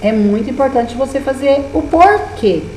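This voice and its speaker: A Brazilian primary school teacher walks young children through a workbook in a remote lesson, speaking with a Brazilian Portuguese accent. Her voice is slightly high and a little mellow, with lively intonation and a moderate pace, patient and encouraging, using many diminutives. The room is echoey with a light hum.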